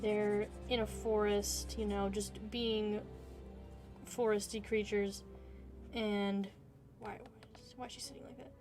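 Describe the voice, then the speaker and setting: A woman's voice: mid-range voice, flat delivery, slow pace, darkish tone, soft background music. A woman casually improvising a story in a rambling, giggly, playfully mock-earnest way. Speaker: narrator pitching a made-up movie plot.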